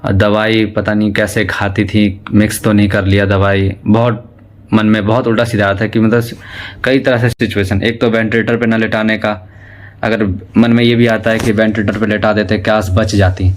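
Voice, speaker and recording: Male family vlogger, deep-ish monotone, quietly grief-stricken, halting delivery. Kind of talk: personal recounting to camera.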